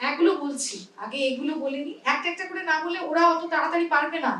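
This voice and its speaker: A woman's voice: sits high, quick pace, a bit bright, a little hiss or hum. A woman with a Bengali accent teaching pronunciation in a workshop. She explains patiently and often checks that her students understand. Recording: echoey room, mic at a distance.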